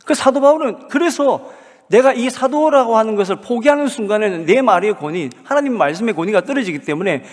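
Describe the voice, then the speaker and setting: Animated preaching man with high voice. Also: a little fast. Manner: animated, rhetorical questions to the congregation. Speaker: pastor. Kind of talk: sermon. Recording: hall reverb.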